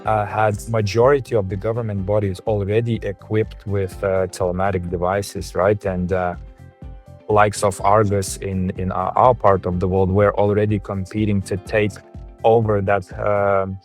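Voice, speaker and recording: A man from Lithuania speaking as a panelist in a discussion, earnest and halting with frequent restarts. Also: fairly low pitch, little pitch movement, soft background music.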